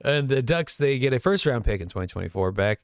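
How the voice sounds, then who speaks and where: A man's voice: medium pitch, expressive, a little fast, smooth, no echo, studio quality. A man co-hosting a casual hockey podcast, joking around, laughing often and swearing casually. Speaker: podcast co-host.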